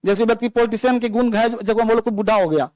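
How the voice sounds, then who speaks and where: Male teacher, classroom lesson, very high voice, clean dry sound, instructive and drilling. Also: fairly even intonation, fast, darkish tone, dry recording. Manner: instructive, calls on students and drills them. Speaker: English teacher.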